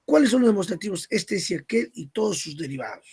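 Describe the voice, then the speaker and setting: A man's voice: high voice, sing-song, fast talker, a little mellow, husky. A man teaching a grammar lesson, who asks questions, answers them himself and repeats word lists.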